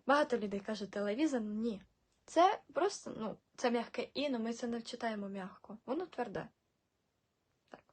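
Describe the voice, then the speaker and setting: A woman's voice: a little high, animated, moderate pace. A woman teaching a casual video lesson, explaining patiently, repeating example words and checking in with "right?" again and again. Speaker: Czech language teacher.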